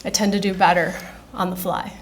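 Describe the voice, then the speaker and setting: An American woman makes opening remarks as a candidate. Her voice sits at a medium pitch, and she talks conversationally and without a script, gently poking fun at herself. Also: steady tone, a little fast. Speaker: candidate and lawyer.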